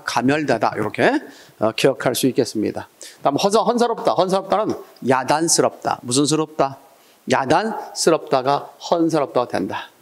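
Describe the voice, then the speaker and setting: A middle-aged man giving an exam-prep lecture, drilling students with repeated questions and call-and-response prompts. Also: mid-range voice.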